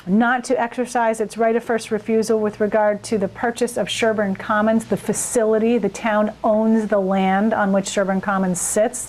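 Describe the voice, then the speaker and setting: A woman's voice: fairly high pitch, darkish tone, a little hiss or hum, low-quality recording. A woman working as a town administrator, giving a casual, plain-spoken community update in an interview.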